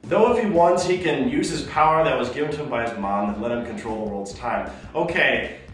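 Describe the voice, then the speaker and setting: A man's voice: mid-range voice, expressive, a little fast, heavy reverb, distant mic, soft background music. A man hosting a comedy web show, sarcastically ranting about fan mail and swearing in exasperation.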